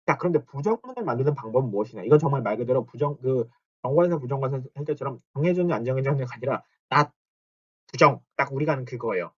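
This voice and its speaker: A man teaching German grammar in a recorded lecture, explaining step by step and slowly repeating words to show pronunciation. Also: mid-range voice, expressive, slightly rough, muffled recording.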